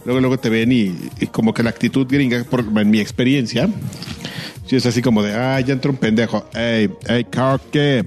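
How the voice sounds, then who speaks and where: A man with a Mexican Spanish accent talking in a low, disguised-sounding voice, like it's been through a voice distorter, in a casual chat about video games. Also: fairly even intonation, normal speed, a little mellow, soft background music. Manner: mimics rude gringo players mid-story.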